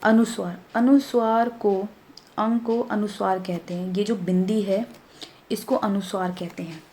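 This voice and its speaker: A woman teacher giving a children's grammar lesson, explaining slowly, repeating points and checking understanding as she goes. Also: mid-range voice, steady tone, warm tone.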